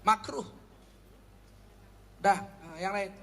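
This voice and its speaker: A man from North Sumatra giving a humorous Islamic lecture, animated and acting out everyday quarrels. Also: high voice, very slow, creaky, long reverb tail. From North Sumatra, Indonesia. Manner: animated, acts out quarrels in a raised voice. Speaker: Islamic preacher.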